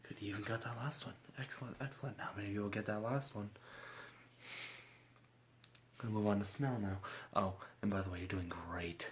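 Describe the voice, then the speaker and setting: A man doing a gentle ASMR roleplay as a mock examiner, soft-spoken, slipping into whispers and giving slow, reassuring praise. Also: lowish voice, steady tone, slight background noise.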